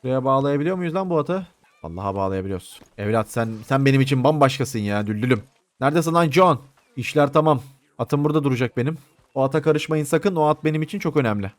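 A man's voice: mid-range voice, expressive, fast talker, no echo. Swearing Turkish-style chatty gamer man. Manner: chatty, swears playfully, talks to game characters; soothing coos to a horse. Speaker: gameplay commentator. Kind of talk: casual Let's Play commentary.

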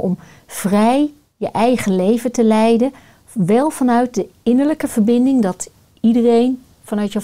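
A woman who works as a coach and family constellation facilitator appears as a guest in a reflective podcast conversation. Her medium-pitched, mellow voice sounds thoughtful and searching, as she hunts for words with many fillers.

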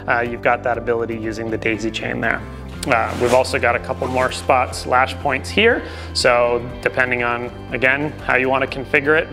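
A man in his forties standing indoors at a table, giving a relaxed product review to the camera with frequent ums and uhs. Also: fairly high pitch. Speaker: gear reviewer.

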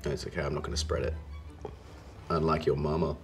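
A man's voice: a bass voice, fairly even intonation, fast, faint music behind. A man in his thirties telling dad jokes, each a set-up question followed by a punchline. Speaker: joke teller in a dad-joke challenge.

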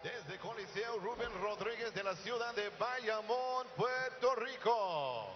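A man working as a bilingual boxing ring announcer, booming out drawn-out names with lucha libre showmanship into a handheld mic in an arena. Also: lively intonation. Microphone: handheld microphone. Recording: echoey arena PA, dull, crowd noise.

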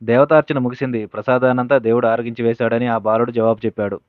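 A man of medium pitch reads devotional teachings and tales aloud at an even, steady pace, occasionally stopping to correct himself. The sound is thin and narrow like a phone line, close and dry with no room echo.

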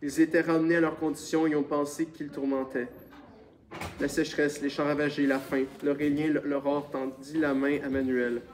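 A man's voice: a little high, flat delivery, moderate pace. Male audiobook narrator, noisy recording. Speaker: audiobook reader. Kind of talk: scripted narration. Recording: noisy with clicks.

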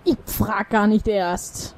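A woman's voice: medium pitch, fairly even intonation, takes it slowly. A woman giving casual gameplay commentary, reading options aloud and adding wry asides. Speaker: let's player.

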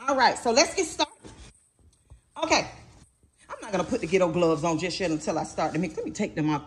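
Middle-aged woman cooking show host; talkative, emphatic, checks in with viewers, average pitch. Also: slight background noise. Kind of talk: casual cooking demonstration.

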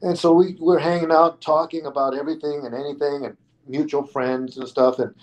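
A man's voice: fairly high pitch, fairly quick, poor audio. Man telling a story with stop-start restarts. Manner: animated anecdote teller with frequent restarts, acting out quoted people. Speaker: guest. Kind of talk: casual storytelling interview.

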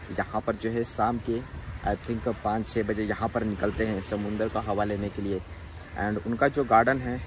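A young adult vlogger films a casual travel vlog on a phone held at arm's length, outdoors in a seaside garden by the sea. His mid-range voice carries a big-room sound with a little hiss or hum, and he talks loosely with many filler phrases, mixing in some English words.

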